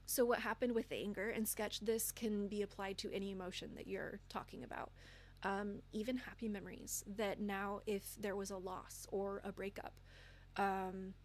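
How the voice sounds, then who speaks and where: A woman livestreamer giving candid, earnest advice to her live chat, with many ums. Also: mid-range voice.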